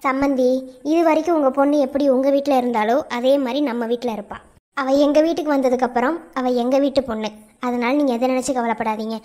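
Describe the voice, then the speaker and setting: An earnest village mother-in-law with a Madurai Tamil accent, as a woman plays her in a cartoon. Her voice is high and reassuring. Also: a little mellow, close to an everyday voice.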